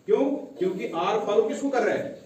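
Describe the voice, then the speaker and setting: A man with a fairly high, slightly mellow voice speaks quickly and with lively intonation. He's an English teacher running a classroom lesson, quizzing students through repeated call-and-response questions. The room is very echoey, the mic sits far away, and there's faint noise.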